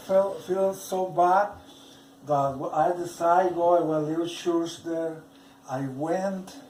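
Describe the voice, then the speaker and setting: A man who is not a native English speaker tells his religious testimony slowly, stopping often to repeat and rephrase as he searches for words. His voice sits a little high and sounds set back from the mic in a roomy space. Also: a little mellow, slight background noise. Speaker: churchgoer giving a personal testimony. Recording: roomy, from some distance off the mic.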